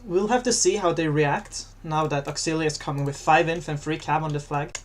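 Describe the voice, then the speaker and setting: A man casts a video game match in casual, chatty commentary, speaking fairly quickly in a voice on the high side. He cracks jokes and gets louder when fights start.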